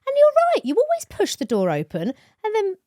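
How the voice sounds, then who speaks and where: A woman's voice: extremely high pitch, huge pitch swings, brisk, dark tone, no room sound, clean studio sound. A woman co-hosting a podcast, chatting casually and frankly with a cheeky manner as she addresses listeners. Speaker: podcast co-host.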